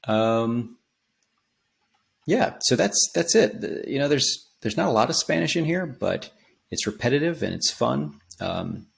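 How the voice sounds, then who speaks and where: A man explaining song lyrics in a casual spoken language lesson, relaxed and rambling with many ums and restarts. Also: mid-range voice, unhurried, gravelly. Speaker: language teacher.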